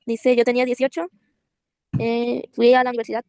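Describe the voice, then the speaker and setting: A woman's voice: on the high side, completely flat delivery, brisk, dark tone, smooth, no room sound, clean studio sound. A woman student translating answers aloud in class, hesitant and unsure of some words.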